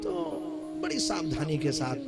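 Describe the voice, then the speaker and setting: Man preaching with a North Indian Hindi accent, slow measured delivery, devotional sermon style, loud music behind him. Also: on the high side, huge pitch swings, gravelly. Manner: emphatic storytelling, repeating key phrases; chants Sanskrit verses slowly. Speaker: preacher giving a scripture discourse.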